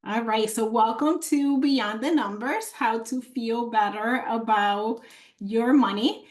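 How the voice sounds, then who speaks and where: A woman's voice: on the high side, slow pace. A woman from the Dominican Republic, a financial coach presenting an online workshop in an encouraging way, with many fillers and restarts. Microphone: computer mic on a video call.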